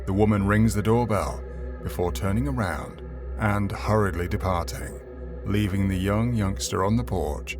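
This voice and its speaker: A man's voice: lowish voice, moderate pace. A man reading scripted narration for a compilation of video clips. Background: background music.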